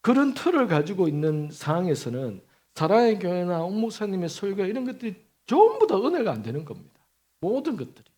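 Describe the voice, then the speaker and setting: A man in his fifties, a pastor preaching a sermon, telling stories in an emphatic, animated way. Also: high-pitched, brisk. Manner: storytelling with lively acted quotes and laughter.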